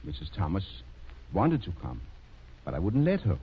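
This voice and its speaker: An actor playing a kindly, fatherly older small-town doctor in a 1930s radio drama, speaking a little hesitantly and gently reproving. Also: deep voice, huge pitch swings, moderate pace, slightly rough, full character voice. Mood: reproving, earnest. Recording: muffled 1930s radio recording.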